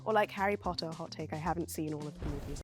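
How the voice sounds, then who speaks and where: Chatty young British woman, low voice. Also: quick pace, music in the background. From London, England. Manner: friendly, laughs easily, chatty. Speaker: panel guest. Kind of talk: casual group chat.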